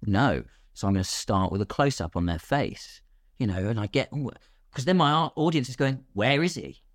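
A British man appears as a podcast guest, casually explaining his filmmaking craft and acting out imagined questions along the way. His mid-range voice is expressive and moves at normal speed, captured in a dry, clean studio recording.

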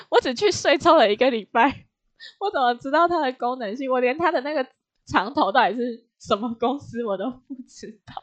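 A young woman casually telling a story about work, animated, laughing often and acting out what others said. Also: fairly high pitch, dull audio. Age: young adult.

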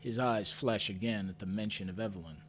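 A man narrating a story in first person with a measured, understated delivery, lifting sharply when his character asks questions. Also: lowish voice, a little hiss or hum. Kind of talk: audio drama narration.

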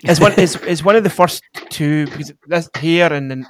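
A man's voice: on the high side, normal speed, a little hiss or hum. A man, chatting casually about films as a podcast co-host, rambling with lots of fillers and restarts. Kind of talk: casual film chat.

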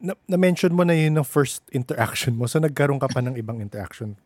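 Male co-host: husky voice with lively pitch, brief agreeing and follow-up questions, dry sound. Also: fast talker, no room sound. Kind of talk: casual chat, listening.

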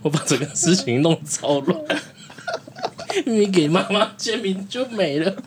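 A man's voice: high-pitched, animated, unhurried, background noise. A man with a Taiwanese Mandarin accent co-hosting a podcast, telling a story casually and laughing often. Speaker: podcast co-host.

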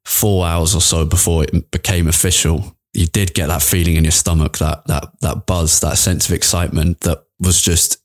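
Male podcast host, low-pitched voice, scripted opening monologue. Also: steady tone, normal speed, hardly any pauses.

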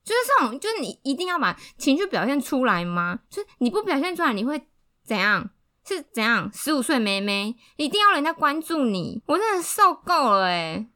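Young female co-host, blunt and sarcastic, lively and bright. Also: sits high, brisk. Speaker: podcast co-host. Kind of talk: casual chat.

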